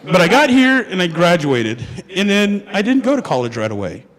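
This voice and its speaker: His voice high-pitched, sing-song, and fairly bright at a normal speed, a young student from Hawaii tells a funny story from his own life. He talks casually, jokes, and asks the audience questions, and the recording carries long hall reverb.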